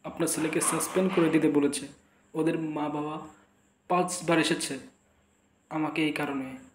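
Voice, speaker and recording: A man's voice: fairly high pitch, fairly even intonation, moderate pace, background noise. A man playing an exasperated school headmaster in a comic sketch, pleading to be heard. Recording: echoey room.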